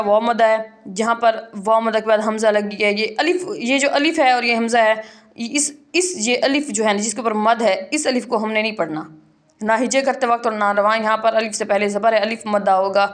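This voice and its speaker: A woman teaching Quran reading in an online lesson, explaining rules and then slowly spelling out letters and drawn-out syllables. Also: a little high, steady tone.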